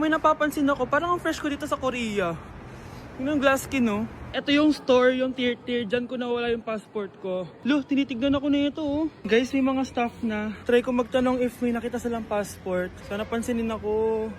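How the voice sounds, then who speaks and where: A woman's voice: high voice, a little fast, a little hiss or hum. A woman vlogging anxiously and chattily to her viewers while out in city streets and the subway, filming on a handheld phone. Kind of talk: travel vlog.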